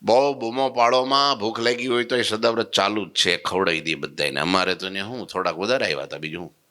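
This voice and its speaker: Lively preacher. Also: male voice, fairly low pitch, fairly quick. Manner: lively, animated storyteller who breaks into character voices. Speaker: swami preaching a daily scripture discourse. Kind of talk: sermon storytelling.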